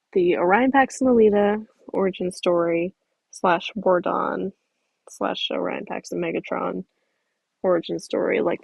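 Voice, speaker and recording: Reading viewer comments aloud on her livestream, this young Southern American stop-motion creator rambles in a friendly way, full of fillers and easy laughter. Her voice is lowish, gravelly and a little breathy. The audio is poor, with no room sound.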